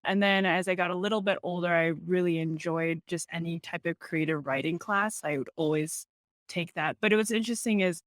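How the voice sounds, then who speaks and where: A young woman with a low-set voice talks as a guest in a casual interview. She is relaxed and laughs easily between loose, filler-heavy sentences. The recording is close and dry, with no room sound. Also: a little fast, no room sound.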